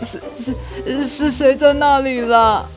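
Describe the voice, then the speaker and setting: A woman's voice: medium pitch, measured pace, over music, voice pushed down, natural voice. A woman voicing a timid, jittery elephant. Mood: frightened. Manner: jittery, stammering in fright. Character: timid male elephant, big but scared of dark.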